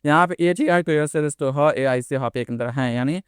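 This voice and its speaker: A man's voice: on the high side, moderate pace, clean tone, no echo, clean studio sound. A man teaching beginners online, spelling letters out one by one and calling his viewers friends. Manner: addresses viewers as friends constantly.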